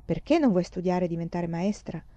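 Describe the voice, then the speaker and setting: A woman reading aloud, voicing a kind, calm pioneer father in a soft, lower, gentle way. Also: a little fast, dry recording, highs cut off, lightly acted.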